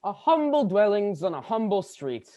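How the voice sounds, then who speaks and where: A woman's voice: mid-range voice, very animated, moderate pace, dark tone, lightly acted. A woman playing a jolly, commanding giant Christmas spirit in a radio play performed over a video call. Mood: genial, guiding.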